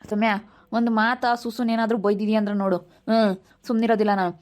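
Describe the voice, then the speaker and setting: A woman voicing a blustering village husband who answers back gruffly in a skit. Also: on the high side, steady tone, fast, darkish tone, lightly acted. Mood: indignant. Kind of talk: skit acting.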